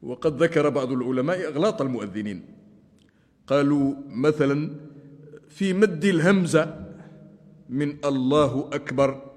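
A male Islamic scholar gives a religious lesson, speaking deliberately and slowing down to demonstrate chanted phrases. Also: fairly high pitch, a little mellow. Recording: long hall reverb.

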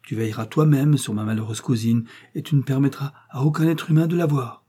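A shaken young man in a read-aloud novel, voiced by a male narrator, giving orders low and hushed. The voice is husky and dark. He sounds urgent and tightly controlled. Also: a little fast, close to an everyday voice.

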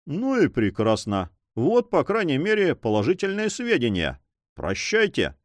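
A man voicing a cold, ruthless pirate leader who speaks in an icy, mocking, unhurried way. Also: a little high, wildly swooping pitch, dry recording.

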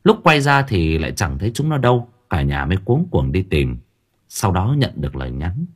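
A man narrating a first-person audiobook story, expressive and dramatic, stammering in tense moments. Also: deep voice, normal speed, breathy edge.

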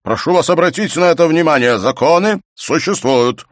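A man voicing a pompous, indignant aristocratic father who lectures grandly and breaks into a shrill falsetto. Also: expressive, normal speed, no room sound, studio quality, close to an everyday voice. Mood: pompous lecturing. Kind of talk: audiobook character reading.

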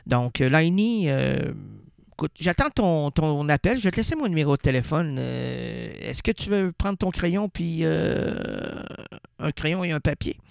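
A man with a Québécois accent, hosting a community radio show with a rambling, absurd monologue, hesitant and playful with many pauses. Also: on the high side, expressive, vocal fry, clean tone, no echo, clean studio sound. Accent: Québécois French.

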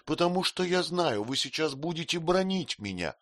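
A man's voice: medium pitch, very animated, unhurried, a bit bright, dry recording, studio quality, voice pushed up. A man voicing a childish, girl-like young wife who pleads plaintively and tearfully in an audiobook reading.

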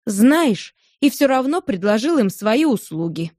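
A woman's voice: fairly high pitch, big pitch swings, a little slow, darkish tone, dry recording, clean studio sound. A woman reading an audiobook, voicing a capricious young wife who pleads and reproaches in a raised voice. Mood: reproachful. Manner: pleading, reproachful, playful turning angry. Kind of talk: audiobook character voice.

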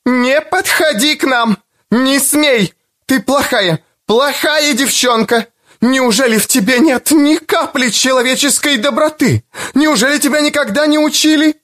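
A man voicing a furious, distraught mother who shouts in a high, trembling voice. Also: a little slow. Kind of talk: audiobook character voice.

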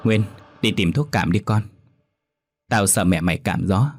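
A man's voice: fairly low pitch, animated, a little slow. A man voicing a concerned middle-aged farmer husband giving urgent instructions in a horror audiobook.

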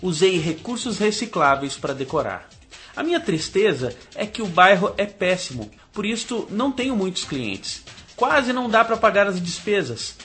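A man's voice: sits high, very animated, moderate pace, a bit bright, soft background music. A Brazilian man presenting a scripted advice segment as a radio host.

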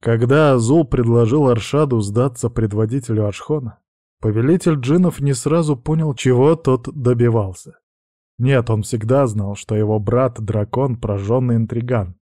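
A man narrating an audiobook in an even, measured way. His voice is mellow and dark, recorded close in a completely dry studio with no room sound. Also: mid-range voice, dry recording. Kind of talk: scripted narration.

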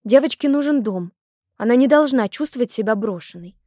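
A woman voicing a stern but kind village mother of many children, speaking in a firm, calm, reproving way. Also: on the high side, brisk, no echo, clean studio sound. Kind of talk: audiobook character voice.

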